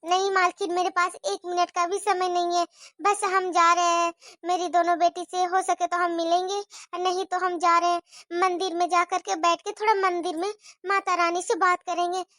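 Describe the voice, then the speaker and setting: A woman's voice: very high-pitched, flat delivery, normal speed, pushed and bright, no echo, clean studio sound. A woman voicing a worried, tender young mother in a cartoon story, anxious and doting.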